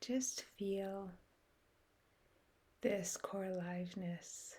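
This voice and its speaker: A woman with a medium-pitched voice leads a guided meditation. She speaks softly and soothingly, in measured phrases separated by long pauses.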